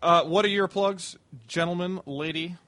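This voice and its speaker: A man co-hosting a casual comic talk show, bantering in a halting, exasperated way. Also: high-pitched, steady tone, fairly bright tone, dry recording, clean studio sound. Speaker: show co-host.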